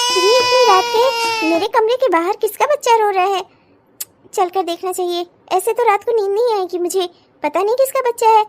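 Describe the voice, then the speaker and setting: A woman voicing a headstrong young bride in a cartoon, speaking bluntly and defiantly. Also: very high-pitched. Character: headstrong young bride refusing her new marriage. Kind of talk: cartoon voice acting.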